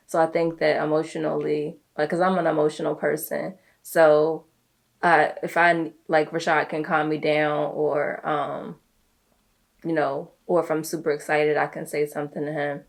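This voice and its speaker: A woman with a low voice chats casually as a guest beside her husband. She speaks hesitantly, often pausing on "um" before she gets going. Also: flat delivery, creaky. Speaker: guest, host's wife. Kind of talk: casual chat.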